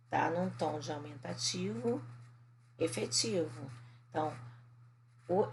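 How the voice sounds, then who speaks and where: Slow, low-voiced Brazilian teacher explaining. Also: female voice, slight background noise. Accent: Brazilian Portuguese. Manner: slow explaining with frequent "né?" and "tá?" check-ins. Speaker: Spanish teacher. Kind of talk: recorded remote class lesson.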